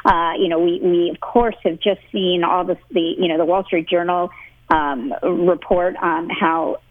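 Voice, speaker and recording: A woman's voice: lowish voice, steady tone, measured pace. A woman interview guest speaking conversationally and emphatically over a narrow phone line. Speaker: interview guest, author and communications executive.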